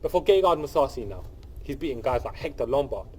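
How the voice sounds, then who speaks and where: Talking solo to camera on his own channel, this young man previews an upcoming fight with casual enthusiasm despite a cold that leaves him sniffly. He speaks fast at medium pitch, expressive and a little mellow, repeating phrases and restarting often with plenty of fillers. A slight hiss or hum runs underneath.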